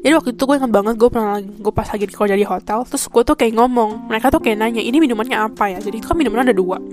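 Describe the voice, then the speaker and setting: A young woman from Indonesia hosts her podcast and tells a story in a loose, chatty way, filling her speech with little verbal fillers. Her voice sits a little high. Music plays clearly underneath her talk. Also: very fast. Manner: chatty, full of fillers like "kayak" and "gitu kan". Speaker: podcast host. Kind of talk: casual storytelling monologue. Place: a room in Taiwan.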